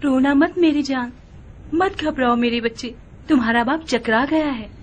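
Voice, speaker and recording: An actress playing a proud, exasperated wife and mother in a dubbed historical drama, sharp and reproachful. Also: sits high, moderate pace, slight background noise, lightly acted. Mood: soothing.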